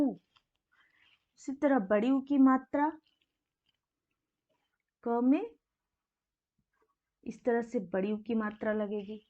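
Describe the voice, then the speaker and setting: A woman's voice: high voice, a little mellow, lo-fi sound. A woman teaching a basic language lesson, patiently repeating each sound and asking questions she then answers herself. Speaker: Hindi teacher. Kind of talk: slow explanatory lesson.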